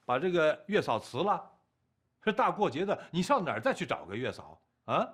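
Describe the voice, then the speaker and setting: A man's voice: fairly high pitch, huge pitch swings, moderate pace, a bit bright, husky, heavily acted. An actor playing a domineering, blustering middle-aged husband and father in a TV drama. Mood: indignant. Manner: blustering, bossy. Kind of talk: TV drama acting.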